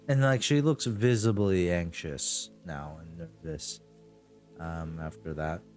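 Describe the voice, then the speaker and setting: A man's voice: low voice, lively intonation, slow, a little mellow, soft background music. A man working as game master, narrating a tabletop role-playing game in an improvised, conversational way.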